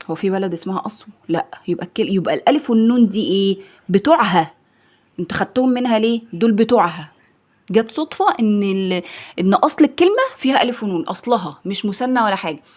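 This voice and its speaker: A young Egyptian woman teaches a primary school grammar lesson at a brisk, rapid clip. She fires off questions and then answers them herself, slipping into the pupil's voice. Her pitch sits in the ordinary middle range for a woman. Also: darkish tone. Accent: Egyptian Arabic. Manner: asks and answers her own questions, acting out the pupil's replies.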